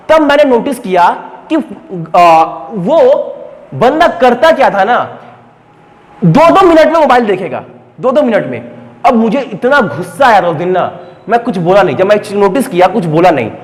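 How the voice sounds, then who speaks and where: A young man, a coaching teacher telling a story in a blunt, animated way with lots of repetition. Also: high voice, normal speed. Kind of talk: storytelling motivational talk. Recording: long hall reverb.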